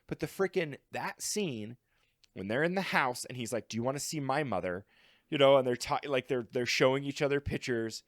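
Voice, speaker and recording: A man co-hosting a film podcast, talking in a rambling, animated way with lots of fillers and laughs. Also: medium pitch, normal speed, no echo, clean studio sound. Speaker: podcast co-host. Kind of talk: casual film discussion.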